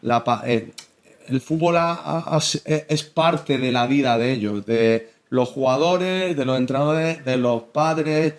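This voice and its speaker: A young Spanish man with a Spain Spanish accent, a football analyst chatting in an interview, halting with many restarts. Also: mid-range voice. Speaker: football analyst and coach, guest. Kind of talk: casual interview chat.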